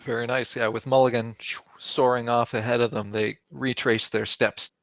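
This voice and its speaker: A man narrating a tabletop game as game master, in a relaxed storytelling way. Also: medium pitch, moderate pace, no room sound, lo-fi sound.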